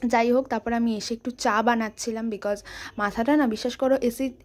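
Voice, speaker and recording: A woman's voice: fairly high pitch, fairly even intonation, brisk. A young woman vlogging in a casual, chatty way, mixing English phrases into her talk. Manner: chatty, mixes English into speech. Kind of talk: casual vlog chat.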